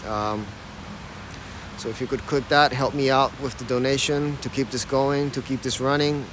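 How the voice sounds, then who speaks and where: Filming with his phone camera as he strolls an old city street, this Ohio tour guide in his thirties leads a live-streamed walk in a relaxed, talkative way full of fillers. He has an American accent and a mid-range voice, speaking steadily at a moderate pace over background noise.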